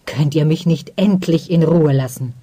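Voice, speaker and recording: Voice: medium pitch, moderate pace, slightly rough, natural voice. Ein Vorleser, der in einer Hörbuchlesung einen verbitterten, sturen Haarteppichknüpfer spricht, der wütend schreit und giftet. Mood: zornig. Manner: shouting, snapping. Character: bitter old hair-carpet knotter, stubborn, furious. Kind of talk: audiobook character voice.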